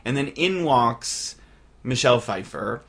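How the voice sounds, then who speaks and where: Husky-voiced chatty male podcaster. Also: medium pitch, measured pace. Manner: chatty, animated, rambling with many fillers. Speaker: podcast co-host. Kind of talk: casual film-review chat.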